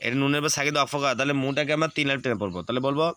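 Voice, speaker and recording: A man teaching Quran recitation, explaining rules quickly and then reciting words slowly and drawn out. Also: medium pitch, fairly even intonation, pushed and bright, no echo. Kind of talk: spelling-out recitation lesson.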